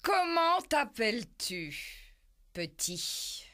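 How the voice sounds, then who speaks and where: A woman's voice: fairly high pitch, big pitch swings, drawn-out words, bright, forceful tone, pitched above the performer's own voice, heavily acted. A woman playing a cruel male bailiff, speaking with mock friendliness and cold commands. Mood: menacing.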